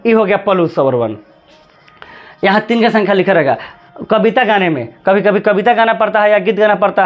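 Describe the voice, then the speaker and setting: A man teaching a grammar lesson, repeating words slowly and drawing out chanted examples. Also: high-pitched, dull audio.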